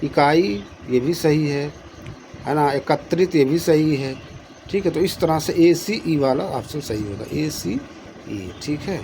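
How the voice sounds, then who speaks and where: A man's voice: a little high, lively intonation, slow, darkish tone, slight background noise, poor audio. A man teaching exam questions in Hindi, reading each option aloud and repeating the answer, with coaxing asides.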